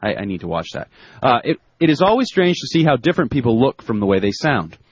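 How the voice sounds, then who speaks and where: A man co-hosting a sports radio show, chatting casually and reading out listener emails in a husky voice. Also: medium pitch, big pitch swings, quick pace, slight background noise. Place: radio studio. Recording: muffled, dull lo-fi audio.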